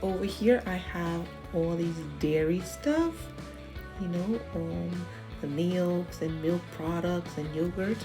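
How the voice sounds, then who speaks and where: A woman's voice: fairly low pitch, slow pace, over music. A woman giving a casual, chatty voice-over as a home organization vlogger, talking directly to viewers with encouraging tips. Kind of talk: casual voice-over narration of cleaning.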